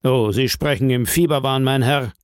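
A man's voice: mid-range voice, normal speed, clean tone, no echo, clean studio sound, lightly acted. A man voicing a proud, shaken official who protests stiffly and formally. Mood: defensive.

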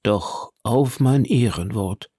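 A man's voice: fairly low pitch, takes it slowly, mellow, slightly rough, no room sound, clean studio sound. A man reading aloud voices a nervous, timid old Italian ex-soldier who answers with wondering questions. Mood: uneasy, wondering. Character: elderly timid Italian ex-major, nervous and eager.

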